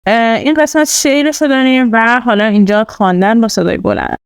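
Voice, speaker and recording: Woman with a gravelly, smooth voice. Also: a little high, fairly even intonation, no echo. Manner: chatty, explains step by step with many fillers. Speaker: tutorial presenter. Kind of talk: casual screen-recorded tutorial.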